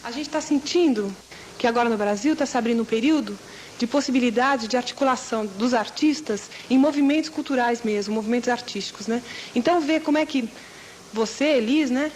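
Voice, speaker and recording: A woman's voice: a little high, brisk, a little mellow, slight background noise, rough recording. A woman putting a long question to a guest, searching for words with many fillers and rephrasings. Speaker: pre-recorded questioner.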